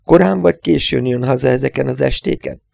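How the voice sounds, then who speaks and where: A man's voice: mid-range voice, creaky, a little mellow, dry recording, pitched above the performer's own voice. A man voicing an eager, blustery male puzzle solver in a storybook reading.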